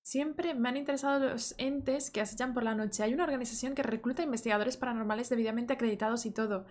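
A woman's voice: a little high, quick pace, a little mellow, close to an everyday voice. A woman reading out the lines of a friendly male ghost who is an eager paranormal expert in a life-sim game, in her own voice.

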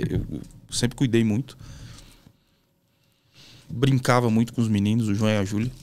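A Brazilian man with a gravelly, crackly voice at an ordinary middle pitch, a pastor speaking as a podcast guest. He tells his personal testimony in an emotional, storytelling way, with casual colloquial asides. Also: darkish tone. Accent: Brazilian Portuguese.

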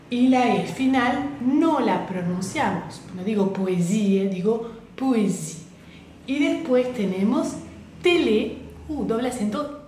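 A woman teaching a French lesson online, patiently repeating words slowly for learners. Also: on the high side, warm tone, a little hiss or hum. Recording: very echoey room.

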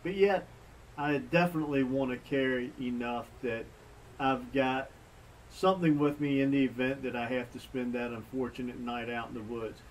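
A middle-aged man with a relaxed, folksy way of talking, chatting outdoors on a front porch. His voice sits in the middle of the range for a man. It is picked up by a camera mic a few feet away, with a faint outdoor ambience underneath. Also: mid-range voice, normal speed, distant mic, a little hiss or hum, rough recording. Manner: relaxed, folksy, plain-spoken. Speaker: bushcraft channel host. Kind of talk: casual sit-down vlog chat.

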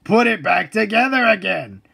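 A man voicing a stern, blustering drill-sergeant driving instructor in a commanding, military cartoon style, gravelly and husky. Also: sits high, expressive, moderate pace, sharp tone, exaggerated voice. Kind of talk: cartoon voice acting.

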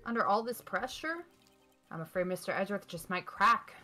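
Lady doing a goofy loyal cop guy, hammy, bright voice. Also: mid-range voice, brisk, soft background music, natural voice. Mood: worried. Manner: hammy, laughs between lines. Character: clumsy loyal male police detective, underpaid and earnest. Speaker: streamer voicing a game character. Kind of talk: playful live read-along of a game.

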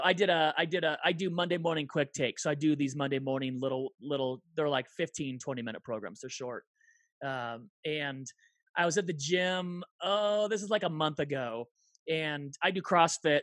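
A man's voice: a little high, normal speed, no echo. A man in his forties, a guest in an interview, telling stories animatedly and acting out dialogue. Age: 40s. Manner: animated, acts out dialogue in lively voices. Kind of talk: conversational interview storytelling.

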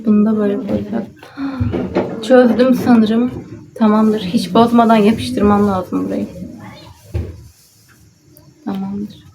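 Her medium-pitched, gravelly voice stays level as she talks slowly to herself, with frequent pauses, while doing papercraft at home on a vlog. She mutters casually and sighs in exasperation, with background noise in the recording.

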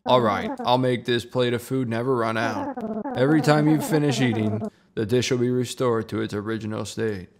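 A man voicing a talking magic doll in a horror game, a friendly but faintly creepy companion with a coaxing, deliberate manner. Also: mid-range voice, crowd noise, lightly acted. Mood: offering.

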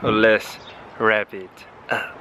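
A young man in a casual thrift vlog, talking in relaxed slang about clothes he found. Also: on the low side, extremely slow, noisy background. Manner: laid-back slangy chatter. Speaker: thrift vlogger.

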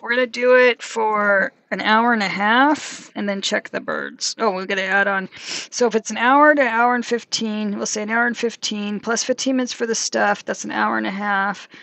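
A van life vlogger with a fairly bright, mid-range voice and some vocal fry cooks in her small van kitchen. She's chatty and casual, narrating and talking herself through each step as she works.

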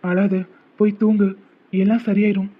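A devoted young man from a cartoon love story, voiced by a man, speaking earnestly in a high, level voice. The sound is tinny and phone-like. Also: flat delivery, moderate pace, music in the background, lightly acted. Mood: tender. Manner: earnest, soft-spoken comforting. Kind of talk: cartoon voice acting.

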